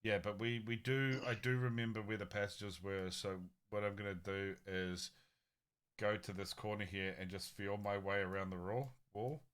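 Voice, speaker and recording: Brief: very deep male player, casual, thinking out loud about his moves. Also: steady tone, normal speed, clear, resonant tone. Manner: casual, planning moves aloud. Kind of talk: tabletop game chat.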